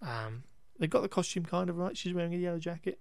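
A man's voice: high voice, lively intonation, fast talker, creaky, smooth, dry recording. A man hosting a podcast, recapping a film in a casual, rambling way, wry and exasperated, with restarts and the odd swear word. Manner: occasional swearing. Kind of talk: casual chat.

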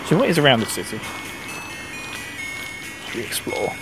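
A man's voice: medium pitch, sing-song, normal speed, rough recording. A man with a mild Essex English accent giving casual, rambling game commentary, chattily talking to himself as he plays. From Essex, England. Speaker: host of a gaming series. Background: music.

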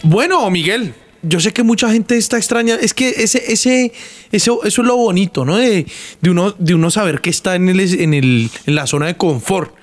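High-voiced man, profane podcast banter. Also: normal speed, soft background music. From Colombia. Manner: profane, joking, rambling with restarts. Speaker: podcast co-host.

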